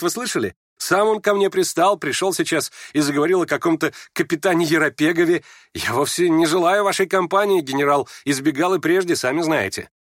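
A man's voice: fairly high pitch, a bit bright, no echo, clean studio sound, voice pushed up. A man sneering as a mocking sickly youth.

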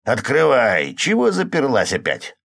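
A man voicing a rough, irritable drinking young man who talks gruffly and rudely, in an audiobook. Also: lowish voice, animated, normal speed, a bit bright, voice pushed up. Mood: bellowing. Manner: gruff, bellowing, rude.

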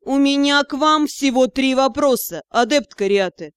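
A seething male academy magister, put on by a woman reading the story, spacing out every word in a slow, clipped hiss. His voice sits fairly high and close to the mic, with no room sound around it. He barely holds back his rage. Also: no room sound, close to an everyday voice. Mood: icily furious. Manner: slow, clipped, hissing through anger. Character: furious stern male academy director.

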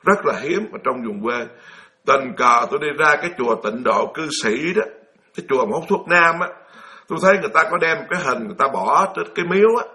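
A man's voice: on the high side, expressive, quick pace, pushed and bright. A man with a Southern Vietnamese accent, a Buddhist monk telling a folksy story in a dharma talk and putting questions to his audience. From Mekong Delta, Vietnam.

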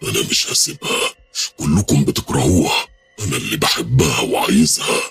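A man voicing a possessive, lovesick male jinn in a horror story, speaking slowly and low with an Egyptian accent. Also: lively intonation, gravelly, a bit bright, husky, no echo, soft background music, exaggerated voice. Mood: menacing. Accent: Egyptian Arabic.

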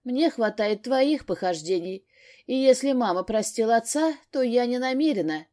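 A woman's voice: on the high side, expressive, moderate pace, mellow, pitched above the performer's own voice, natural voice. A woman voicing a hurt young wife who speaks strained and near tears in an audiobook. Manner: strained, exclaiming.

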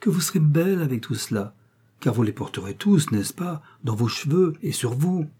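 A man voicing an effusive, flattering young woman who pleads and coaxes. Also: a little high, moderate pace, slightly rough, voice pushed up. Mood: gushing.

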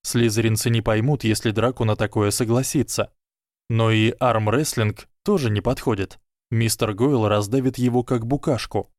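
A man narrating a story aloud in a lively, expressive way. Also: lowish voice, moderate pace, no echo, studio quality. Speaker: audiobook reader.

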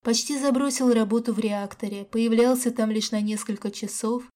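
A woman reading a romance novel aloud as an audiobook narrator, with a calm, even delivery. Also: on the high side, moderate pace. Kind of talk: scripted narration.

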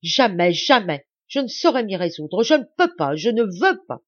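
A woman reading an audiobook, voicing a proud middle-aged man who shouts in menacing fury. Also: lowish voice, lively intonation, moderate pace, husky, dry recording, muffled recording. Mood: desperate.

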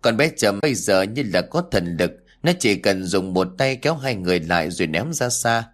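Low-voiced male horror narrator. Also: animated, moderate pace. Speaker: storyteller.

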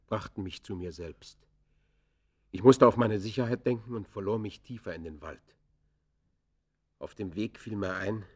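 Agitated remorse runs through this lowish male voice as the actor gives a brooding, defiant killer's confession. The delivery is deliberate and literary, German radio play style, alternating hushed passages with vehement ones.

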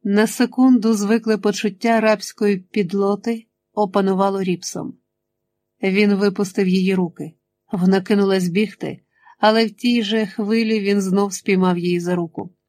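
A woman narrating an adventure audiobook in a steady, measured reading voice. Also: mid-range voice, no room sound. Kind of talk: scripted narration.

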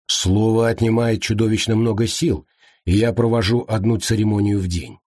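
A man's voice: fairly low pitch, fairly even intonation, moderate pace, a little mellow, no room sound, clean studio sound. Man doing a cold, curt prince. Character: cold, commanding male prince.

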